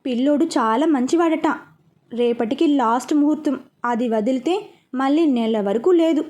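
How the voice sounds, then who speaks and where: A woman playing a chatty, teasing middle-aged aunt full of wedding news. The voice is high and mellow. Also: normal speed, close to an everyday voice.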